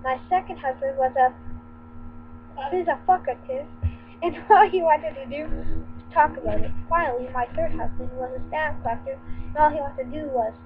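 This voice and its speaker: Young woman, high voice, stumbling giggly joke reading, tinny narrow recording, loud mains hum. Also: normal speed. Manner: laughing, stumbling over words. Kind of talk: reading jokes aloud.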